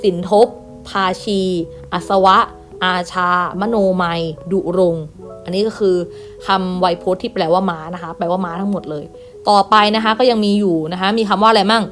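A woman teacher giving an online lesson to primary pupils, reading words aloud one by one and gently repeating them. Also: medium pitch, steady tone, normal speed, faint music behind. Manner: patient, reads each word aloud and repeats with gentle "na kha" tags. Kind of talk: online class lesson, reading word lists.

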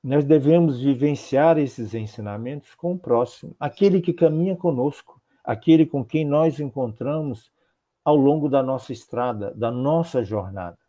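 Speaking from his home office through a small earphone mic, an older spiritist lecturer delivers a religious talk on a video call. His mellow, warm, medium-pitched voice carries a Brazilian Portuguese accent. He talks in measured, rhythmic phrases, heaping up repeated clauses.

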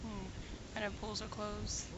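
Young woman from the US East Coast, casual beach vlog; chatty and relaxed, talking to a handheld cam, heavy wind and surf noise. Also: medium pitch, a little slow. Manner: chatty, easygoing, trails off with "I don't know". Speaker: vlogger. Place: sunny outdoor beach. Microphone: handheld camera at arm's length.

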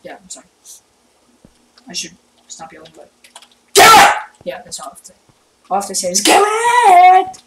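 Excitable woman chatting through a game. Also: lowish voice, fast talker, pauses often. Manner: chatty and excitable, jumping between loud outbursts and mumbled asides. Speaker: gaming channel host. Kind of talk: casual gameplay commentary. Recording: roomy, distant mic with loud background noise and keyboard clicks.

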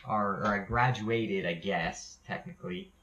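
A man's voice: on the low side, a little slow, fairly bright tone. A young man vlogging casually from home, rambling and swearing with lots of restarts. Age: young adult. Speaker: gaming YouTuber. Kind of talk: casual vlog talk. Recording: echoey, dull lo-fi home recording.

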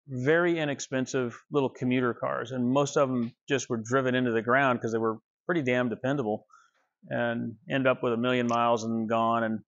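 A man in his fifties rambles through a relaxed walking tour of his car restoration workshop, using lots of fillers. His mid-range, creaky voice comes through a small clip-on mic with the highs cut off.

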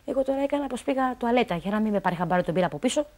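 A fairly high, mellow female voice telling her own story on a talk show. She rambles from one detail to the next, slipping in fillers and quoting what other people said to her. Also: animated.

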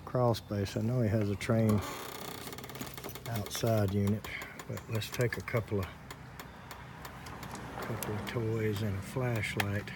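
A man's voice: on the low side, noisy background. A man working as an HVAC technician, narrating his service call while filming, thinking aloud in a plain-spoken way from a cramped crawl space. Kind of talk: on-the-job vlog narration.

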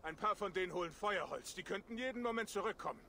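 A man's voice: high-pitched, animated, quick pace, gravelly, sharp tone, a little hiss or hum, heavily acted. An actor playing an anxious, pleading Norse man in a video game. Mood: anxious, defensive. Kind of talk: video game character dialogue.

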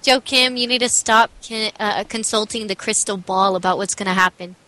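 A woman's voice: mid-range voice, moderate pace, pushed and bright, rough recording. A woman co-casting a strategy game match, teasing her fellow casters playfully. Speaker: esports co-caster. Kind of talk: casual game commentary.

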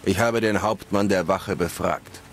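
A laconic, gruff monster hunter from a fantasy game. The voice is very deep and full of gravel, delivered dry and deadpan. Faint rain is heard behind it. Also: male voice, unhurried, a little hiss or hum. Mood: stoic, dry. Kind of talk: scripted video game dialogue in German dub.

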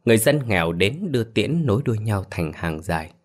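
Deep-voiced man narrating a ghost story. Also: very animated, brisk.

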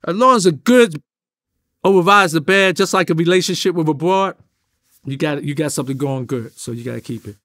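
A middle-aged New Yorker, an interview guest, tells animated street stories in an indoor studio with a drum kit, emphatic, streetwise, slang-heavy, and gesturing. His voice sits a little higher than most men's, with a fairly bright tone and a slightly fast pace.

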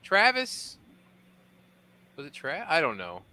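A man hosting a stream chat, laughing often and animated in his joking. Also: on the high side, slow. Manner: laughs a lot, jokey and animated. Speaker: host.

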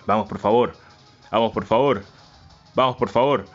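A man hosting a let's-play, chanting and repeating words and swinging between low mutters and yells. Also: moderate pace, highs cut off, soft background music. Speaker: gaming channel host. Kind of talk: excited let's-play commentary.

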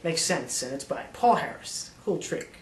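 A man's voice: a little high, animated, measured pace, a little hiss or hum. Man doing card magician patter, echoey room. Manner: casual, step-by-step showman's patter. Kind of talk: card magician patter, demonstrating a trick to camera. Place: indoor home dining room with hard floor. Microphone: camera mic from a few feet away. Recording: echoey room, camera at a distance.

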